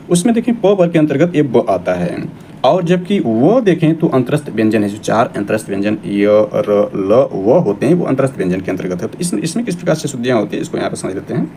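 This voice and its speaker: A man's voice: mid-range voice, mellow, a little hiss or hum. A man teaching an exam-prep grammar lesson, explaining each point, rephrasing it and reading out long lists of example words.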